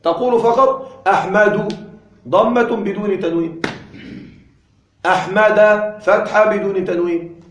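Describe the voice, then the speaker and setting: A man teaching an Arabic grammar lesson, patiently repeating examples slowly and asking and answering his own questions. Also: high voice, echoey room, a little hiss or hum.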